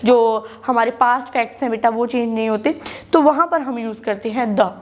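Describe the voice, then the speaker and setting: A woman with an Indian English accent teaches a school grammar class in Hindi mixed with English. Her voice sits high, and she works patiently through each point, asking questions and then answering them herself. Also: steady tone, normal speed. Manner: explains patiently, repeats key words, asks and answers her own questions.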